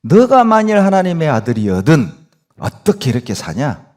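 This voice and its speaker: A man's voice: fairly high pitch, huge pitch swings, normal speed, a little mellow, pitched above the performer's own voice. A male preacher voicing the devil as a mocking, needling accuser who whispers doubts. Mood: taunting.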